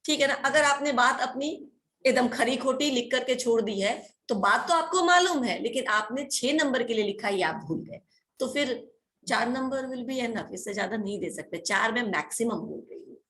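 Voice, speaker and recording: A woman's voice: a little high, lively intonation, normal speed, fairly bright tone. Woman teacher, firm and chatty. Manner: explains firmly, keeps checking in with the class. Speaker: college teacher. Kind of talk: online class lecture.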